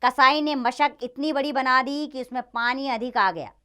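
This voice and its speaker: A woman's voice: sits high, moderate pace, pushed and bright, clear, resonant tone, voice pushed up. A woman voicing a humble male water-carrier protesting his innocence in a children's play reading.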